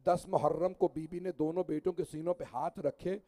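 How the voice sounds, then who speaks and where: A male cleric recites a mourning sermon with a high, carrying voice. His delivery is impassioned and elegiac. He sounds tearful at times and swells into wailing cries. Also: fairly even intonation, normal speed, mellow. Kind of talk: Shia majlis mourning sermon.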